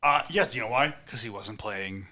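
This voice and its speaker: A man's voice: fairly low pitch, sharp tone. A man co-hosting a podcast, joking around and riffing casually. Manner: joking, quick with bits and movie riffs. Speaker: podcast co-host. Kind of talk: casual chat.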